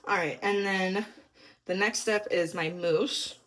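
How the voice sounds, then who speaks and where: A woman's voice: medium pitch, steady tone, takes it slowly, fairly bright tone. A young woman vlogger in a casual, upbeat chat to camera, a little out of breath and using lots of fillers. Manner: chatty, upbeat, filler-heavy. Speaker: lifestyle vlogger.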